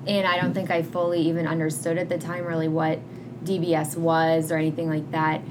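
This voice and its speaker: A woman's voice: sits low, level tone, a little fast, noisy background. A woman from Massachusetts, a medical fellow, chatting on a podcast panel with "um" and "kind of". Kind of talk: casual panel discussion.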